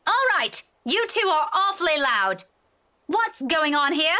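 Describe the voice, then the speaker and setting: A woman's voice: high voice, sing-song, measured pace, pushed and bright, full character voice. An actress playing an authoritative female colleague in a visual novel game, with a firm, reproving manner. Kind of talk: dramatic visual novel voice acting.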